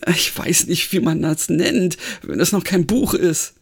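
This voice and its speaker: A man's voice: sits high, a little slow, gravelly, husky, heavily acted. A man voicing a nervous young man who stammers and pleads that he is innocent. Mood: panicky.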